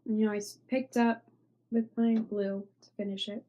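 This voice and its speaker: In a medium-pitched, mellow voice with little pitch movement, a young woman rambles casually at normal speed on her knitting podcast. She is stuffy from a cold, uses many fillers, and often trails off into near-whispers during this show-and-tell chat.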